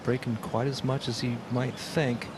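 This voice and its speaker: A man's voice: medium pitch, level tone, moderate pace. A man giving live on-course golf commentary in terse, understated shot descriptions. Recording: outdoor broadcast with loud background noise. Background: loud outdoor ambience.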